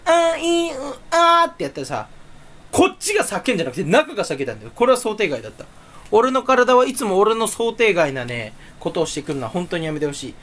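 A man chatting alone in a rambling, self-mocking way, with sudden jumps up in pitch. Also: fairly bright tone. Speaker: streamer. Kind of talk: casual solo chat.

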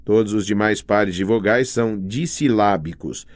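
A man with a Brazilian Portuguese accent reading an audiobook in a careful, measured way, spelling out sounds one by one. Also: fairly low pitch, no echo, clean studio sound. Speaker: audiobook narrator. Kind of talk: scripted narration.

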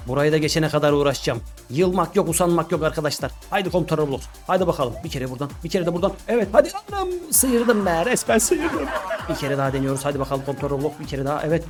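A man commentating a video game, often exclaiming, yelling and laughing. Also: a little high, rapid-fire, hardly any pauses, over music. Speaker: gaming YouTuber. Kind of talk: excited gameplay commentary.

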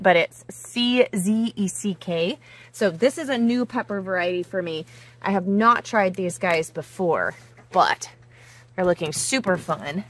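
A woman's voice: medium pitch, fairly bright tone. A woman in her forties walks through her vegetable garden outdoors, chatting eagerly to her viewers. She records herself on a phone held at arm's length. Her talk is casual and friendly, the way a homesteading vlogger talks. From Pacific Northwest, US. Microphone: handheld phone at arm's length.

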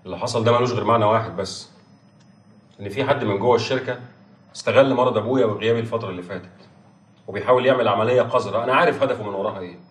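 A man's voice: on the low side, rapid-fire, close to an everyday voice. A man playing a stern young executive. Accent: Egyptian Arabic. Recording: roomy echo, distant mic.

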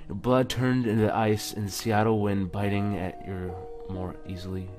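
A man hosts a let's play, reading the game's text aloud, reacting casually and often tripping over words before correcting himself. His voice is on the low side and flat, at a normal speed, with music underneath.

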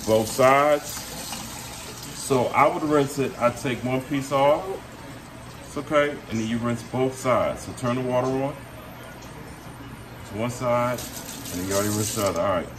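In a home kitchen, a middle-aged man coaches his nephew through cooking for a casual instructional video, teasing him in slangy talk. His medium-pitched voice is unhurried, with long pauses, and the camera a few feet off captures a roomy sound full of loud sizzling and running water.

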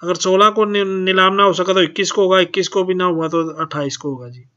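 A man's voice: high-pitched, steady tone, fairly quick, fairly bright tone, muffled recording. A man hosting his own channel, plainly reading out auction notices and tacking a polite "ji" onto most sentences. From Pakistan. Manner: plain, repeats "ji" often. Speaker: channel host.

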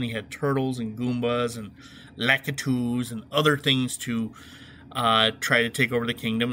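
A middle-aged man hosts a casual, comedic movie review podcast, sounding opinionated, wry and informal. His voice sits at a medium pitch with a fairly bright tone, and there's slight background noise.

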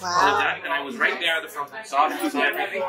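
A man tells an eager story in a crowded pub, the room's chatter loud behind him. His voice sits a bit high for a man and his words tumble out quickly. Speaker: fan introducing himself. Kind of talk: excited on-camera chat.

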